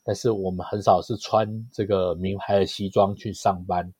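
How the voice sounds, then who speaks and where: A middle-aged man with a Taiwanese Mandarin accent speaks in a fairly low voice. He tells anecdotes conversationally and explains as he goes, dropping in small interjections. The sound is dry and close. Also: flat delivery, normal speed, a little mellow, husky, no room sound. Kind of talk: conversational storytelling.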